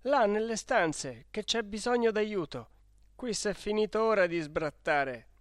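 A man doing a slow, bossy commissioner. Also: high voice, animated, dry recording, studio quality, voice pushed up. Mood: commanding. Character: officious plague-hospital commissioner, man.

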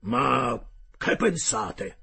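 A man voicing a blunt, hungry male harpooner who talks loudly, slowly and emphatically. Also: mid-range voice, sing-song, creaky, breathy edge, heavily acted. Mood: gruff. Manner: loud, slow and emphatic.

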